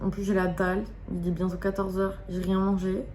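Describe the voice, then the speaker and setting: A woman's voice: medium pitch, little pitch movement, a little fast, darkish tone, slight background noise. A young woman vlogging at home, talking casually and candidly in slangy speech, openly irritated. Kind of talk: casual confessional vlog.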